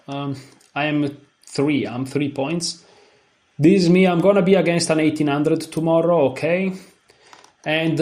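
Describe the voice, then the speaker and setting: A man talking casually to his viewers about his chess tournament, chatty and self-deprecating, sounding worn out. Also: a little high. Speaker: chess vlogger. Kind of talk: casual vlog commentary.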